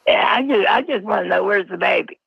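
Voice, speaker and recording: A man phones in to a live show, his voice disguised by a pitch-shifting voice changer. It comes out heavily gravelly and husky, and he stammers and repeats himself. The call is played back dull and muffled, with a dry close sound. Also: a little fast, no room sound. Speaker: caller.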